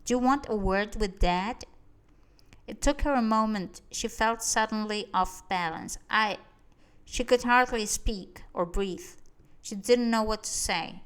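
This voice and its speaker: A woman reads an audiobook with measured, expressive narration. Her voice is smooth and resonant, pitched in an ordinary middle range.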